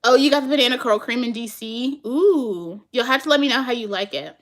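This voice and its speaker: Chatting casually with her viewers and answering their comments, a woman speaks briskly in a slightly high voice. She's animated, laughs often, and calls them "y'all."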